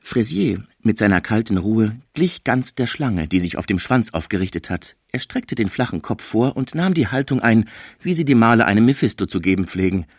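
Lively male audiobook narrator. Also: on the low side, moderate pace, no room sound, clean studio sound. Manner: lively, expressive reading. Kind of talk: scripted narration.

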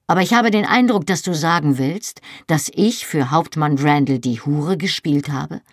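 Woman voicing a sharp-tongued fierce sister. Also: sits low, moderate pace, dry recording, studio quality.

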